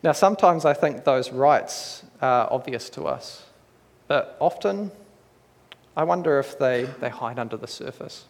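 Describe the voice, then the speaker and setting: A preacher with a New Zealand accent gives a sermon in a church hall, earnest and measured yet conversational, with small restarts. His medium-pitched voice is animated and creaky. The hall's long reverb trails after his words.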